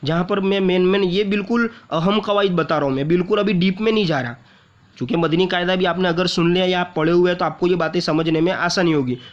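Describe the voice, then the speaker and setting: A man teaching Quran recitation, explaining pronunciation rules patiently and repeating syllables slowly to demonstrate them. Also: fairly high pitch. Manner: patient, repeats syllables and drags out long vowels while demonstrating. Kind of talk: explaining tajweed rules step by step. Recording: muffled lo-fi audio.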